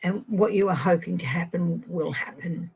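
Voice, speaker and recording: A middle-aged Australian woman giving a gentle, chatty tarot reading on a live stream and addressing viewers by name. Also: fairly low pitch, normal speed, gravelly, husky, poor audio. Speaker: tarot reader.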